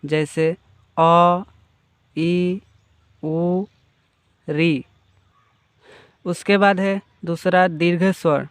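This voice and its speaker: A man teaching Hindi grammar in a slow, explanatory lesson, defining each term and then restating it. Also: fairly high pitch, steady tone, dry recording.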